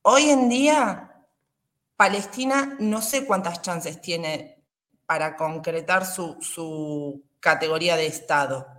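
A woman's voice: lowish voice, takes it slowly, fairly bright tone. A woman, speaking earnestly as an interview guest while her call audio keeps breaking up. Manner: earnest and argumentative, with frequent restarts. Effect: choppy, breaking-up internet call audio. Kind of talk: political commentary over a video call. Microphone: remote call microphone.

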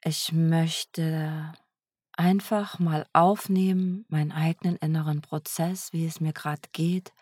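A woman speaking softly in an introspective self-dialogue, searching for words and often sinking into a whisper. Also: low-pitched, fairly even intonation, slow pace, breathy edge, dry recording, clean studio sound. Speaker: energy healer.

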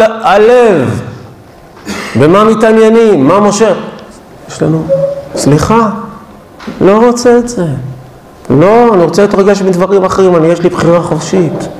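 A man's voice: high voice, roomy sound, slight background noise, rough recording. A man preaching a Hanukkah sermon with passion, pressing his point through rhetorical questions. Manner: impassioned, full of rhetorical questions.

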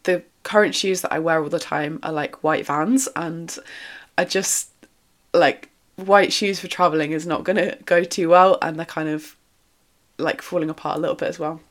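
A woman's voice: sits low, fairly even intonation, moderate pace. A woman, chatting casually and upbeat as the host of her own solo podcast, with a lingering cough in her throat. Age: 20s. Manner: chatty, upbeat, lots of fillers and little laughs.

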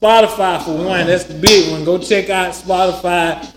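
Laughing podcast host with a high voice. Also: male voice, steady tone, normal speed, echoey room. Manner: laughing, loose and joking. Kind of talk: casual podcast chat.

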